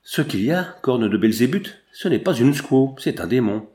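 A hot-tempered gold prospector bellows his outrage, as a male audiobook reader plays him. The voice sits higher than the reader's own and comes out loud and exclaiming. An old-fashioned storybook adventure. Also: animated, moderate pace, close to an everyday voice. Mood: indignant.

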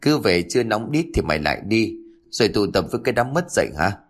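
A gentle middle-aged mother pleads with her wayward son in a soft, reproachful voice, as a man reads her. The voice is low underneath, with a lively, rising and falling pitch. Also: fast, soft background music. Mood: pleading reproach.

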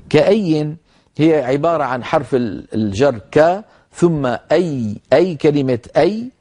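Mellow-voiced man teaching Quran recitation. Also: fairly high pitch. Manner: measured explanations, slowly modelling recited words; addresses listeners directly as brothers. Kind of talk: broadcast tajweed lesson.

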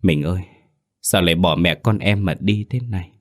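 A man's voice: low voice, normal speed, lightly acted. A man doing a trembling young widow. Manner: trembling, choked. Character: grieving young widowed woman, timid and gentle.

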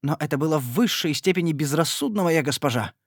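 Excitable, devoted young gentleman from a storybook, as a male reader does him, fervent and raised, dry sound. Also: mid-range voice, normal speed, no room sound, lightly acted. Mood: agitated. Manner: fervent, breathless.

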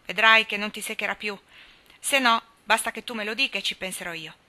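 A woman reading the part of a rough, blunt, protective boy. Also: medium pitch, fairly quick, sharp tone. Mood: gruff. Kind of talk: audiobook character reading.

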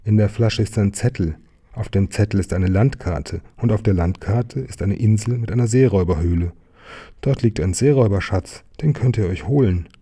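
A man's voice: fairly low pitch, normal speed, warm tone, husky. A man voicing a teasing, urgent male talking fish in a children's storybook reading.

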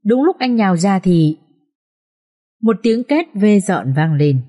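Female audiobook narrator, mid-pitched, expressive dramatic read. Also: slow pace. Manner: expressive, emotional reading.

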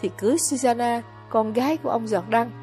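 A woman reader voicing an earnest young village man, quiet and a little tremulous. He speaks softly and pleads in a slightly high voice, a storybook figure caught between duty and love. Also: fast, faint music behind, close to an everyday voice.

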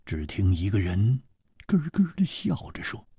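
A male storyteller narrating a martial-arts audiobook theatrically, jumping from loud bursts to hushed whispers. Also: sits low, wildly swooping pitch, measured pace, breathy edge, no echo, clean studio sound.

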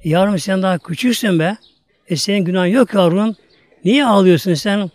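A man's voice: high-pitched, moderate pace, no room sound, natural voice. A man voicing a tender father comforting his crying son.

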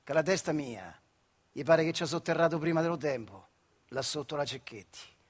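In a dialect storytelling piece, a man with a central Italian Marche accent delivers a theatrical monologue of short, emphatic, colloquial phrases. His voice is a little high, with lively intonation, at normal speed.

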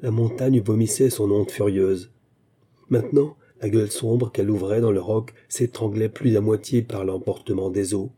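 A man reading a short story aloud in a slow, measured narration. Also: on the low side, fairly even intonation, mellow, slightly rough. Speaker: audiobook narrator.

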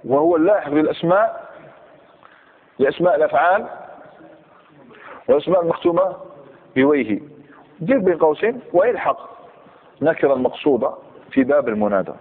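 A man lectures a grammar class, questioning his students and repeating each example. His voice sits a little high and swings lively up and down. The recording is thin and phone-like, with birds cooing in the background. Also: a little fast, long pauses, breathy edge. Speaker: teacher of Arabic grammar.

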